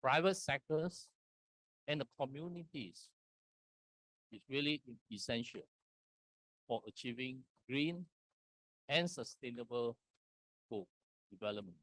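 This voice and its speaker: Guy from singapore presenting at a conference, real slow and deliberate, dry close sound. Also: mid-range voice, lively intonation, a bit bright, no room sound. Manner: slow and deliberate, pausing between short phrases. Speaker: conference speaker. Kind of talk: conference presentation walking through slides. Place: conference hall.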